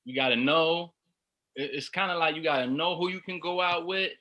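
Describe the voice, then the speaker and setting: A man's voice: fairly high pitch, fairly quick, pushed and bright. A man co-hosting a podcast, mostly reacting with short comments and laughs in casual chat. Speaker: podcast co-host.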